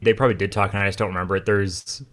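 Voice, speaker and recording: A man co-hosting a podcast in casual chat, often halting and repeating words as he recaps. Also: lowish voice, steady tone, fairly bright tone. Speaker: podcast co-host.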